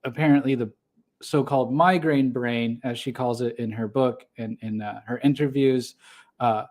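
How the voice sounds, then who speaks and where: A man's voice: mid-range voice, steady tone, moderate pace, darkish tone. A man co-hosting a casual livestream podcast, talking in a rambling way with many fillers and restarts. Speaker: podcast co-host.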